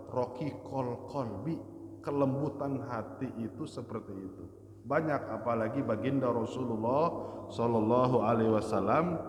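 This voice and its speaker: Animated male preacher in an echoing mosque. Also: medium pitch. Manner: animated storytelling, acts out voices. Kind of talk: sermon. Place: large mosque hall. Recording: echoey mosque hall.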